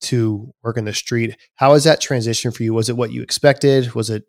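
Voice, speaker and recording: A man hosting a casual interview, asking questions in a quick, friendly, agreeable way. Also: mid-range voice, fairly even intonation, no room sound, studio quality. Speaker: interviewer, host.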